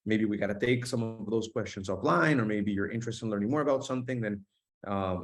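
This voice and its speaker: Man, low voice, webinar host on a video call, halting, lots of ums and restarts. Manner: hesitant, many fillers and restarts. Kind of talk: webinar hosting. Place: office.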